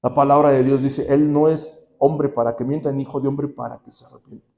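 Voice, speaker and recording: A man preaching a sermon at a rehab center's visiting day, impassioned with sudden soft, slow drops. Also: medium pitch, steady tone. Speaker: pastor.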